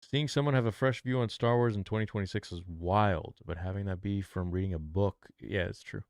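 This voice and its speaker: Low gravelly guy streaming, chill and slangy, reading chat out loud. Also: a little fast, no room sound, clean studio sound. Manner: laid-back, reads chat aloud, slangy. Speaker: streamer reacting to videos and chat. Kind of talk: casual live-stream reaction.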